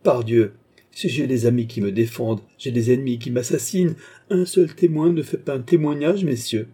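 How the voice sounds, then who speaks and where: A man's voice: medium pitch, moderate pace, mellow, slightly rough, voice pushed up, natural voice. A man reading an audiobook, voicing a proud, furious queen with indignant, imperious outbursts. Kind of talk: audiobook character voice.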